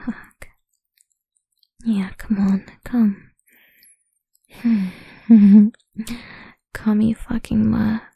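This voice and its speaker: A woman in a whispered audio roleplay, talking close to the mic in a taunting, domineering way, with soft laughs and sighs between lines. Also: medium pitch, level tone, extremely slow, creaky, long pauses, husky, dry recording.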